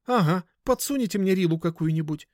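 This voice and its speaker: A bold but nervous young woman, as a male narrator puts her on, speaking in a pert, insistent way. The voice is lifted well above his own and swings lively, recorded dry and close. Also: high voice, brisk, no room sound, pitched above the performer's own voice. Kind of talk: audiobook character voice.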